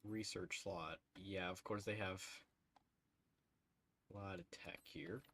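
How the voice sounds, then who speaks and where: Low-voiced man streaming over a headset mic. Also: fairly even intonation, takes it slowly, fairly bright tone. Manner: thinks aloud, reacts with frequent "ooh"s and small laughs. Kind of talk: live gameplay commentary, talking to chat.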